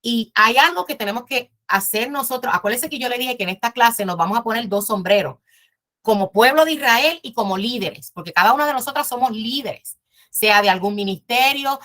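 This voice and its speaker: A woman's voice: fairly high pitch, a bit bright. A woman teaching a Bible class in an earnest, emphatic way, often repeating her phrases.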